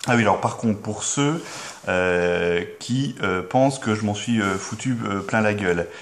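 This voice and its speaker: A young Belgian man with a Belgian French accent, telling a deadpan comic story to the camera in a halting way, full of filler sounds. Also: on the low side. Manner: hesitant, full of filler sounds, with sudden mock-outraged yelps. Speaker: comedy vlogger.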